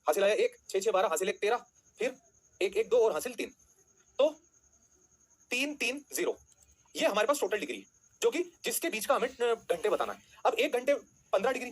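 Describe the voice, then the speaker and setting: Guy teacher, fast and bouncy, slightly husky voice, keeps asking the class stuff then answers it. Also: high voice. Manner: asks students questions then answers them himself; calls students beta, jokingly threatens them. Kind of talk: online class lecture.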